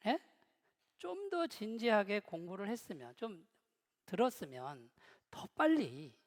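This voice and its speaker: High-voiced pastor in a reverberant hall. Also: male voice. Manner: humorous storytelling, joking with the congregation. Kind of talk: sermon. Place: church hall.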